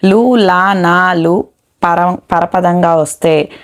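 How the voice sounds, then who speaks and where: A woman with a lower voice teaches a Telugu exam-prep lesson. She reads out notes and word lists steadily, one item after another, moving on with a quick "next.". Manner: steady list-like dictation with "next" transitions.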